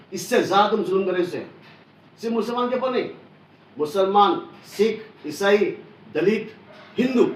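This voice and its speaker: A man delivering an angry, combative political rant, forceful and repetitive. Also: high voice. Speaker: online news commentator. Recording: echoey room, distant from mic.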